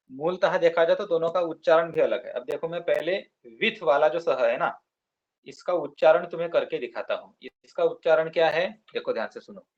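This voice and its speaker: A man teaching Sanskrit to children in a classroom, patiently spelling out words and sounds slowly. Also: fairly high pitch, muffled recording. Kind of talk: classroom explanation.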